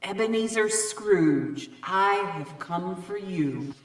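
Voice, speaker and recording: A woman's voice: on the low side, animated, takes it slowly. A woman playing a solemn, commanding ghost in old-time radio drama style, stately and probing, with a ghostly reverb. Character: solemn, commanding ageless ghost of Christmases gone by. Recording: echoey reverberant hall effect, distant.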